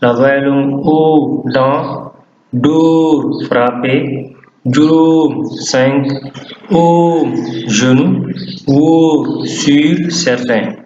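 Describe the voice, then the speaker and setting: A man's voice: darkish tone, slight background noise. A man teaching a language lesson, drawing out each word for pronunciation drills. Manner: drawn-out, drilled pronunciation of words. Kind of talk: slow, deliberate language lesson. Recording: echoey room, dull low-fi sound.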